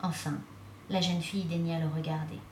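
A woman reading a novel aloud as narrator, with steady, even storytelling. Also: low-pitched, normal speed, a little hiss or hum. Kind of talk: audiobook reading. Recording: echoey room.

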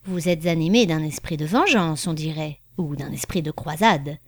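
A woman voicing a man posing as a fortune-teller, smooth and persuasive as he reads the cards. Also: sits low, normal speed, no room sound, clean studio sound.

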